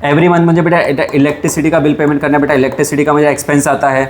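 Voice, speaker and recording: A fairly high-voiced man teaches a class in an echoey room. He talks to his students fondly, asks them questions and answers them himself. He says the key terms more than once. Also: flat delivery, rapid-fire, slight background noise. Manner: calls students "beta". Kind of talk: classroom lecture.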